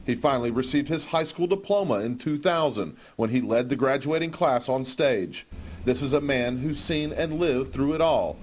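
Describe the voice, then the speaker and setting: A man's voice: medium pitch, normal speed, slight background noise. Male TV reporter, scripted news narration, mid-range voice, audible background ambience.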